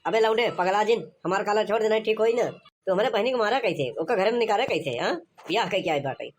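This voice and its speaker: A performer voicing a hot-headed young village man in a cartoon comedy, shouting threats in a rough Awadhi accent. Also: mid-range voice, animated, a little fast, a little hiss or hum, natural voice. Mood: threatening.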